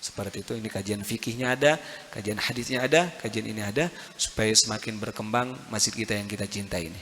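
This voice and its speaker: A man preaching a mosque sermon, emphatic, with sudden high rises and rhetorical questions to the crowd. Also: fast talker, fairly bright tone, in a large hall, a little hiss or hum. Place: mosque hall.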